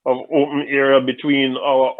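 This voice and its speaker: A man's voice: medium pitch, completely flat delivery, moderate pace. A man from Jamaica, answering interview questions thoughtfully and often restarting his sentences. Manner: thoughtful, with frequent restarts and repeated words. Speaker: interview guest. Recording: tinny phone-line audio.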